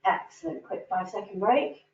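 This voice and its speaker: Her voice is medium-pitched and expressive, with a moderate pace. She is a fitness instructor guiding a standing cardio class, counting reps in an upbeat, encouraging way, captured on a roomy, distant, dull-sounding recording.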